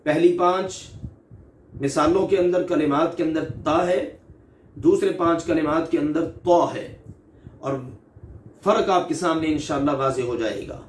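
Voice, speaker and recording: A man teaching a recitation class, speaking slowly and deliberately as he stretches each letter sound for his students. His voice sits high, and he is heard off-mic in an echoey room with a faint ambient hum behind him. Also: far from the mic. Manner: drawn-out, emphatic demonstration of letter sounds; patient, repeats each example. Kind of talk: recorded recitation lesson.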